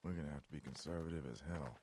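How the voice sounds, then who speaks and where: An actor playing a big, gruff male survivor in a video game, speaking in a deadpan way. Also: extremely low pitch, rapid-fire, a little hiss or hum.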